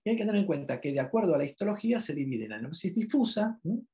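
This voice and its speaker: A man's voice: high voice, sing-song, rapid-fire, mellow. A man from Argentina giving a medical ultrasound lecture, explaining step by step with frequent checking questions and self-corrections.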